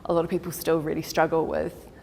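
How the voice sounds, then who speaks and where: A woman's voice: low voice, level tone, fast talker, vocal fry, darkish tone, a little hiss or hum. A woman with a New Zealand accent, a career counsellor giving a chatty workshop talk to an audience, laughing often. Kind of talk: informal workshop presentation. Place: meeting hall with audience. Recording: long hall reverb.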